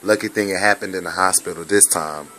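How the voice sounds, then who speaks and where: A man's voice: deep voice, fairly even intonation, bright, forceful tone. A young man with a mixed Bahamian, Jamaican and American accent, recovering from bronchitis and rambling through a casual video message. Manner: rambling, repetitive, drawn-out. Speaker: vlogger recording a personal message. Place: hospital room.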